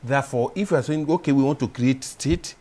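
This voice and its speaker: A man speaks as a public affairs analyst on a TV panel, his pitch in the middle for a man. He explains in a measured way and leans into emphatic points. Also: darkish tone. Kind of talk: studio discussion. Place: TV studio.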